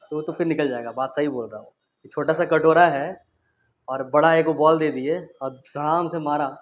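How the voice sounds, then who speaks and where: Casual Hindi-speaking physics teacher, higher voice. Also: male voice, muffled recording. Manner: casual, quizzes students, demonstrates with objects. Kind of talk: classroom lecture. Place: classroom.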